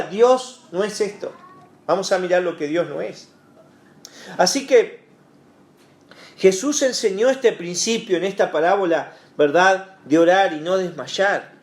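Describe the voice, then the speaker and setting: A man leads a Bible study in a church, speaking conversationally and leaning on fillers and rhetorical asides to his listeners. His voice sits high for a man, and the room around him rings with a clear echo. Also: unhurried, a little mellow. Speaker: pastor. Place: church hall.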